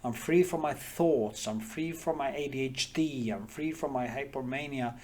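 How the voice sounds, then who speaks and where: A man's voice: medium pitch, normal speed, a little mellow, a little hiss or hum. Rambling Norwegian-accented painter, middle-aged man. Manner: rambling, candid, many restarts and trailing phrases. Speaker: painter teaching oil painting. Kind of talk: casual reflective talk while painting.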